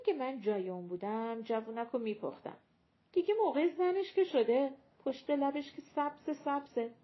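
A woman's voice: sits high, highs cut off, natural voice. Woman putting on a chatty scheming girl. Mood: musing. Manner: chatty, self-arguing inner monologue. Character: young woman scheming in her thoughts.

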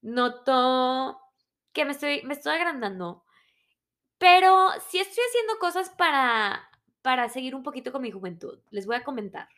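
A woman around thirty with a Mexican Spanish accent, telling stories in a casual, animated, self-mocking monologue. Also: high voice, moderate pace. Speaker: vlogger.

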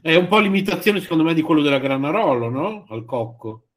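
A man's voice: on the high side, lively intonation, fairly quick. A man taking part in a live show, talking casually and conversationally. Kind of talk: casual chat.

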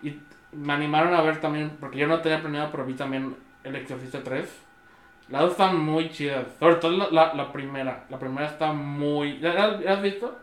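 A man's voice: a little high, brisk. A man, chatting as a podcast co-host, hesitant, with many fillers and false starts. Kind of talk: casual chat. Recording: echoey room.

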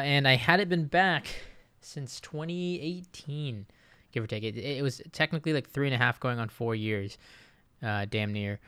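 A man's voice: medium pitch, a bit bright, clear, resonant tone, no room sound. A man in his late twenties from Japan, hosting a casual solo podcast and rambling with lots of fillers and restarts. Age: late 20s. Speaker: podcast host.

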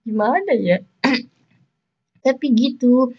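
A young woman with a Javanese Indonesian accent hosting a casual solo podcast, talking fast and rambling with a self-mocking tone and frequent laughter. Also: fairly high pitch, lively intonation, husky. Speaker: podcast host. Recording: slightly dull lo-fi sound.

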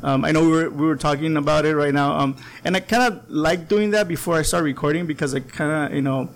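A man hosting a casual local podcast, his speech loose and full of fillers. His voice is gravelly with a touch of fry and sits a little high. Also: quick pace. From Southern California border town. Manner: rambling, many fillers. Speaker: podcast host.

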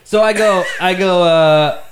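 A man's voice: high-pitched, a little slow, echoey room, slight background noise. A man telling a long embarrassing story among friends, swearing, laughing at himself and acting out what he said. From United States. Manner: animated, swearing, laughing at himself, acts out his own quotes. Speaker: podcast host telling a story.

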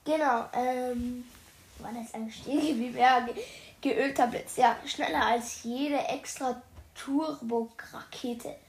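A woman's voice: fairly high pitch, steady tone, a little slow. A woman reading a children's detective book aloud to her viewers, stopping often for chatty, slangy comments. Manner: chatty, addresses viewers as "Leute", youthful slang. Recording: roomy echo.

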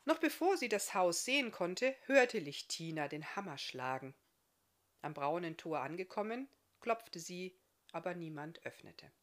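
A woman, an author, reading her own fairy tale aloud in a calm, even storytelling manner. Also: on the low side.

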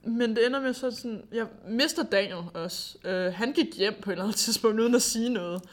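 En ung kvinde, der fortæller livligt i en afslappet podcastsnak og ofte griner. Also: female voice, on the high side. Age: young adult. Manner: lively storyteller, laughs often. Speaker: podcast co-host. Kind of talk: casual chat.

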